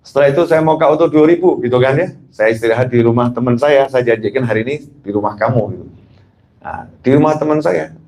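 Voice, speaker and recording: Middle-aged guy preaching, mid pitch, chatty storytelling sermon w/ jokes. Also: fast talker, a little mellow.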